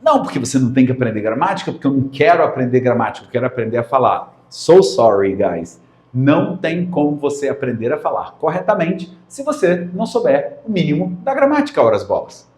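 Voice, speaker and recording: Guy from brazil giving a lesson, lively, says stuff over and over, kinda echoey room. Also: medium pitch, fast talker. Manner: lively, emphatic, repeats key words. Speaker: English teacher. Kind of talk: video lesson. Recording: roomy echo.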